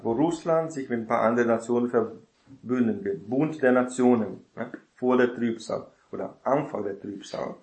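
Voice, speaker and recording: A man teaching a Bible study in a casual lecture style, often adding a quick tag question to check that listeners follow. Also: medium pitch, darkish tone, roomy sound.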